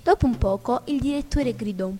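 Woman narrating a classic tale over music. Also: a little high. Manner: expressive, measured storytelling. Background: background music.

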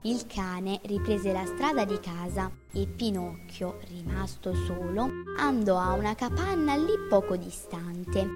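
A woman's voice: mid-range voice, measured pace, hardly any pauses, music in the background. Woman reading a children's story. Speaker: narrator.

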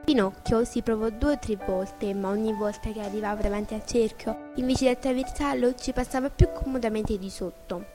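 A woman narrating a classic children's tale in an expressive, measured audiobook reading. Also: fairly high pitch. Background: background music.

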